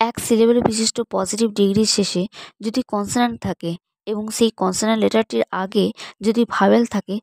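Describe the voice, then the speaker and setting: A woman teaching English grammar, slowly reciting rules and word lists. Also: mid-range voice, gravelly, a little mellow, dry recording, rough recording. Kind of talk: slow recited grammar lesson, English and Bengali.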